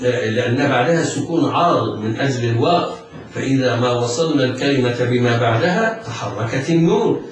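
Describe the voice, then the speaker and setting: Guy explaining recitation rules slowly, chants the examples, sounds far off in a super echoey room. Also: mid-range voice. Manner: patient step-by-step explaining, drawn-out chanted demonstrations. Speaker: Quran recitation teacher. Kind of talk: tajweed lesson with recited examples. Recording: very echoey, distant mic, faint music.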